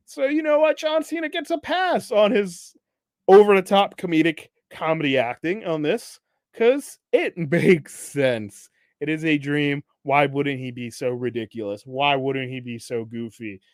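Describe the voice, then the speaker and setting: Young male podcast host, chatty and animated, voice on the higher side, dry sound. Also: unhurried, dry recording. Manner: animated, acts out characters' lines with jumps in pitch and loudness; laughs often, swears casually. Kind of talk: casual solo podcast recap.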